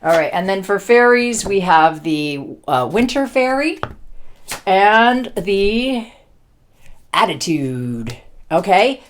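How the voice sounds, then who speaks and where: A woman's voice: mid-range voice, big pitch swings, slow, slight background noise. A woman giving a casual tarot reading, blunt and joking, swearing freely. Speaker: tarot reader.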